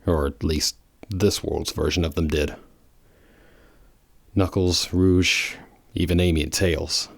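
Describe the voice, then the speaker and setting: Man as low, brooding Shadow the Hedgehog. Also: fairly even intonation, gravelly, dry recording, studio quality, exaggerated voice. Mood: bitter. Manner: halting, grave, guarded. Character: brooding, bitter, loyal male hedgehog antihero. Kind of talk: audio drama voice acting.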